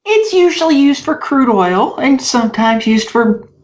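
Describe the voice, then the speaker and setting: A woman joining a casual podcast chat over a call, her voice muffled as if inside a barrel, amused and unbothered by dark jokes. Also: high-pitched, lively intonation, unhurried. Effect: muffled call audio, as if inside a barrel.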